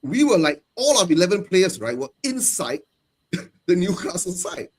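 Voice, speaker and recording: Man with a fairly high, animated voice, eager panel guest in casual football chat. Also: moderate pace, slightly rough.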